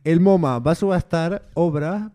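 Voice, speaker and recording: A man's voice: on the high side, a little slow, mellow. A man co-hosting a podcast in casual chat, joking, laughing often and restarting his sentences. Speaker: podcast co-host.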